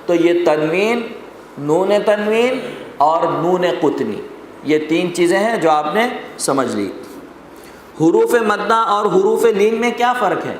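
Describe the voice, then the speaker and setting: A man's voice: high voice, lively intonation. A man teaching a Quran recitation class, explaining rules step by step, quizzing his students and repeating lists. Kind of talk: classroom lesson. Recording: very echoey hall with faint noise.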